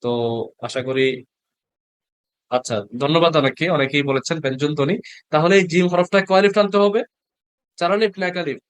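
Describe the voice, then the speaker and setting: A man's voice: fairly high pitch, steady tone, brisk, long pauses, smooth, no room sound. A man teaching Quran reading in an online class, patiently sounding out each Arabic letter and repeating it for learners. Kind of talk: online class lecture over video call. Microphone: video call.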